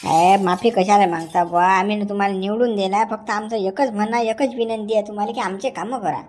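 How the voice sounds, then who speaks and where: A woman's voice: mid-range voice, steady tone, brisk, darkish tone. A woman playing a villager in a comedy sketch, speaking in a plain, pleading way.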